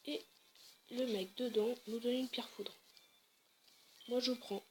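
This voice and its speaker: A woman's voice: a little high, fairly even intonation, slow pace, a little mellow, a little hiss or hum. Chatty young-sounding woman gaming. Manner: chatty, hesitant, self-correcting. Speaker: let's play gamer. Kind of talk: casual game commentary.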